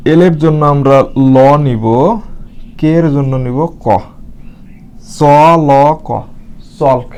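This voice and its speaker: Spelling each word letter by letter, this English reading teacher goes slowly through spelling and pronunciation. He has a medium pitch and a dark tone.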